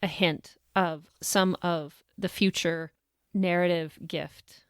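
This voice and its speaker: A woman's voice: lowish voice, fairly even intonation, slow pace, smooth, dry recording, clean studio sound. A woman co-hosting a podcast, talking through a short story in a thoughtful, casual way and reading quotes aloud. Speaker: podcast co-host. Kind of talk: casual book discussion.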